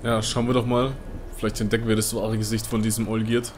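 A man's voice: fairly low pitch, flat delivery, quick pace. A man giving casual, slangy commentary while playing a video game, reacting as he goes. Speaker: let's player. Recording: faint game noise underneath.

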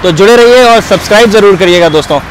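A man's voice: high-pitched, very fast. A man in his thirties hosting a casual travel vlog outdoors, talking cheerfully to his viewers into a phone at arm's length. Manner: cheerful, keeps addressing viewers as friends. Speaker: travel vlogger. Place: outdoors on busy city roads and a market. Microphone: phone held at arm's length. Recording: street traffic noise behind.

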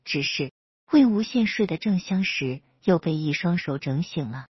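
Husky low-voiced woman storyteller. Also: lively intonation, moderate pace, no echo, highs cut off. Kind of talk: reading romance fan fiction aloud.

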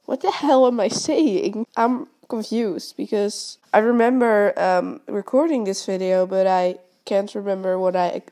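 A teenage girl doing a relaxed, rambling voice-over for her vlog. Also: mid-range voice, measured pace, few pauses. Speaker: vlogger. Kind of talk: voice-over narration.

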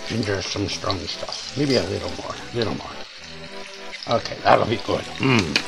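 Folksy gravelly man cooking at home. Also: fairly low pitch, moderate pace, low-quality recording. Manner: folksy, chatty, with occasional pirate jokes. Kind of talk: casual cooking demonstration in pirate costume. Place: home kitchen, indoors. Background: sizzling frying pan and music.

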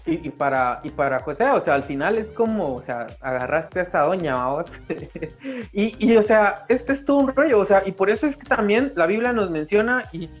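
A man's voice: high voice, lively intonation, normal speed, faint music behind. A young man with a Central American Spanish accent, co-hosting a casual podcast chat, joking and slangy, laughing often. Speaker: podcast co-host.

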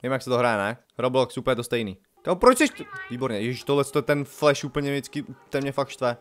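A man giving casual, jokey let's-play commentary, swinging from loud excited outbursts to low mutters. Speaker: gaming youtuber.

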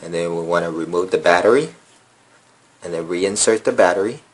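At a table indoors, a phone repair tutorial host casually walks viewers through resetting a phone step by step. He is relaxed and uses many ums and uhs. His voice is low and fairly quick, and the recording is rough.

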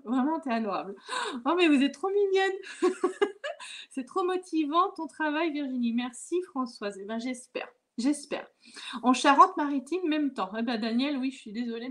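A woman with a high voice leads a live watercolor lesson from home. She chats casually with her viewers, reading their comments aloud and laughing often between steps. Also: a bit bright. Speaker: watercolor teacher hosting a live stream. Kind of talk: casual live-stream chat.

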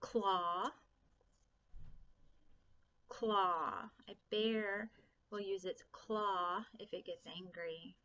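A young woman leads a children's phonics lesson at a very slow, patient pace. She repeats each word and draws out its vowel sound. The recording is a little muffled and lo-fi. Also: mid-range voice, steady tone, a bit bright. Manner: slow, deliberate, stretching out sounds and repeating words. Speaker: teacher. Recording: slightly dull lo-fi recording.

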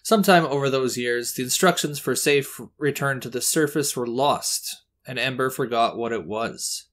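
A man talking through a movie review in an easy, chatty way. His pitch sits in an ordinary middle range, and he drifts into small joking asides about himself as he goes. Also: moderate pace. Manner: chatty, self-deprecating, relaxed asides. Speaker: host.

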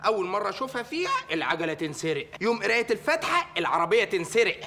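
A fretful, animated Egyptian son. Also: male voice, high-pitched, very fast, slight background noise, exaggerated voice. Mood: complaining. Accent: Egyptian Arabic. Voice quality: animated, complaining, comic. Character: exasperated young male lawyer, grumbling son. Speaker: actor in a TV comedy series.

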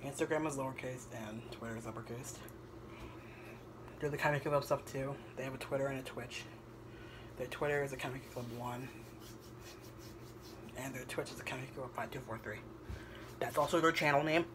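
A young man talking casually in a home kitchen vlog, rambling with many pauses and ums. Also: medium pitch, fairly even intonation, noisy background. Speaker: vlogger. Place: home kitchen at night, indoors. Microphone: camera on the counter.

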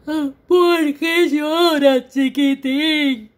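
Woman doing a slow, smiling storybook tiger. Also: sits high, steady tone, voice pushed up. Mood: soothing. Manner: slow, drawn-out and emphatic. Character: smiling male tiger, calm and kindly.

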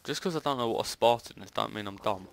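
A man's voice: lowish voice, fast, gravelly, a bit bright. A young man, joking and laughing while playing a game with a friend, sometimes yelping in surprise. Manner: joking, laughs a lot, yelps when surprised. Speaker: let's play co-host. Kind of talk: casual gaming chat.

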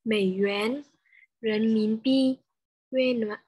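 A woman student reading a Chinese vocabulary list aloud in a slow, halting way. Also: on the high side, steady tone, dark tone, husky. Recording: muffled lo-fi line.

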